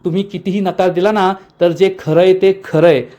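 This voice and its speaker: A man's voice: high-pitched, fairly even intonation, a little fast, dark tone, natural voice. A man reading the lines of a furious, domineering woman boss who scolds and taunts. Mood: angry scolding.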